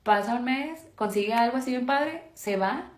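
A woman's voice: a little high, animated, moderate pace. A woman with a Mexican accent chatting casually as co-host, rambling through stories with lots of fillers. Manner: rambling storyteller, heavy on fillers. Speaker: podcast co-host. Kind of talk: casual chat. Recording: roomy echo.

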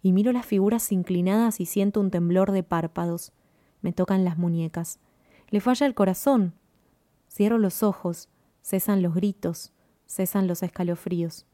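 A woman narrating a story in a measured, even reading. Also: on the low side, dry recording, studio quality.

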